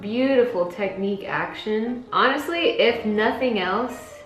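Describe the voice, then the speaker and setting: A woman's voice: medium pitch, measured pace. A playful, sarcastic woman vlogger giving casual comedic commentary as she follows a makeup tutorial. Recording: roomy sound with faint music.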